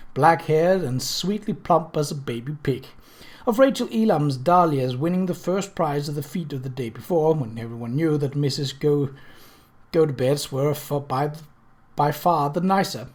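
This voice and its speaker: The reader of this period mystery novel is a man whose slightly high voice has a somewhat mellow quality. Like an audiobook narrator, he keeps his phrasing measured and storybook-like.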